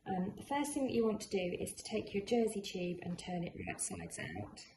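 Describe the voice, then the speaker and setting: This sewing tutorial presenter has a medium-pitched voice that swoops wildly, and she talks at a normal speed in a friendly, encouraging, conversational way. She's in an echoey room at home, with builders' drilling and work noise plainly audible behind her.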